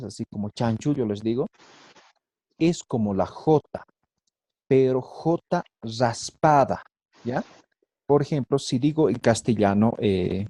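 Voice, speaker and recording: A man leads an online language lesson over a video call, repeating syllables carefully and checking understanding after almost every phrase. His voice is dark and a bit husky, with a dry, close sound free of any room echo. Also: mid-range voice. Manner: patient, checks in with "¿ya?" and "¿sí?" constantly. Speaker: language teacher.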